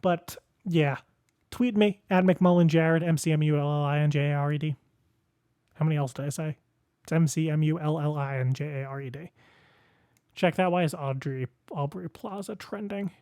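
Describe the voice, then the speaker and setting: A man's voice: a little high, moderate pace, a little mellow, no echo. Goofy man rambling through a podcast sign-off. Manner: rambling, goofy asides and sing-song fillers. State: a bit out of breath. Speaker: podcast host. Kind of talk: casual solo podcast sign-off.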